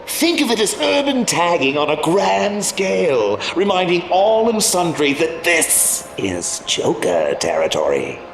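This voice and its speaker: An actor playing a gleeful clown supervillain in an audio drama, mocking and theatrical with a sing-song delivery. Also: male voice, on the high side, wildly swooping pitch, measured pace, gravelly, few pauses, slight background noise, exaggerated voice. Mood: gleeful menace. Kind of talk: audio drama villain acting. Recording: echoey reverberant sound under loud music.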